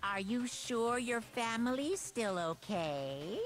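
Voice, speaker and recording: A man's voice: very high-pitched, expressive, slow pace, exaggerated voice. An actor voicing a taunting male robot bear mastermind in a video game, teasing in a sing-song way. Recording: game audio with music behind. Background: game music.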